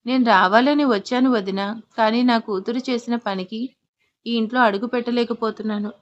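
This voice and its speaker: An ashamed middle-aged mother speaks in a storybook drama, voiced by a woman narrator. She talks in an apologetic, subdued way, with a fairly high voice on a dull recording. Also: steady tone, normal speed, lightly acted.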